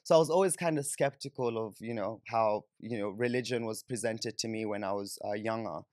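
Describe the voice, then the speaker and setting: Speaking on the low side with a darkish tone, this young Kenyan-accented podcast guest talks fairly quickly, sharing personal stories casually and peppering them with "like" and "you know." He sits on a sofa in a small podcast studio. The close boom-mounted mic captures a dry, studio-quality recording.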